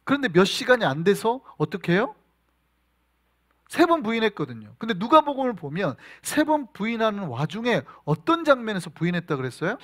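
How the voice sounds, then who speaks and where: Guy pastor preaching in church, fairly high voice, swings all over in pitch, acts out the quotes. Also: brisk. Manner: animated storytelling, acts out quoted lines loudly. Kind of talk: sermon. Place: church sanctuary.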